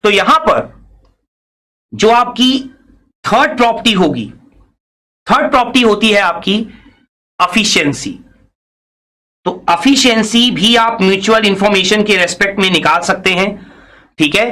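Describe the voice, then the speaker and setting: A man's voice: sits high, expressive, measured pace, pauses often, sharp tone. A man giving a recorded engineering lecture, explaining step by step, asking and answering his own questions, and mixing in English technical phrases.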